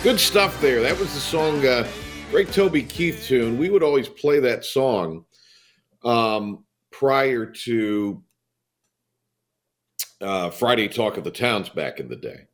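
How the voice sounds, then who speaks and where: A man's voice: medium pitch, expressive, slow, a bit bright. An American man hosting a sports radio show in a casual, chatty, blunt and teasing way. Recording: studio broadcast, faint music behind. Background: music.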